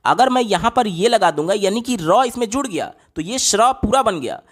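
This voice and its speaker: High-voiced man teaching exam answers. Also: lively intonation, normal speed. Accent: Hindi. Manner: repeats questions and answers them himself. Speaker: teacher solving exam questions. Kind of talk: explaining lesson on screen.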